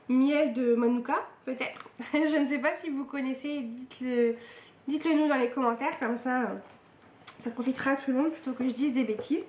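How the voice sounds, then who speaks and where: A young woman chatting casually through an unboxing, hesitant and full of fillers. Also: high voice. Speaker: book and tea vlogger. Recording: echoey room with faint hiss.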